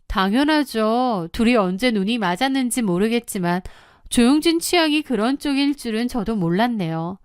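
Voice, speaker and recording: Woman narrating her own story, kinda high and smooth, matter-of-fact, dry close sound. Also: lively intonation, moderate pace, no room sound. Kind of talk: first-person storytelling narration.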